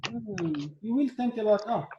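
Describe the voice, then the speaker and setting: A man's voice: sits high, animated, moderate pace, lo-fi sound. A man hosting a casual language practice session, encouraging and repeating his words as he talks. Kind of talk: casual group conversation. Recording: echoey room with faint noise.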